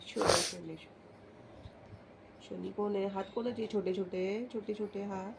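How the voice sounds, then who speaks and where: A woman's voice: medium pitch, fairly even intonation, moderate pace, vocal fry, background noise. A woman talking to her pet dog at home in coaxing baby talk, teasing and asking it questions.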